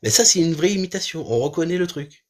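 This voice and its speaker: A man's voice: on the high side, expressive, fast talker. Hesitant French streamer man. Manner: hesitant, full of fillers and restarts. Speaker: live streamer. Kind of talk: casual reaction commentary.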